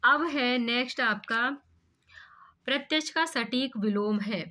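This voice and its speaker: Woman teacher, exam paper walkthrough, step-by-step explanations, rhetorical questions, fairly high, crisp bright tone. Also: slow.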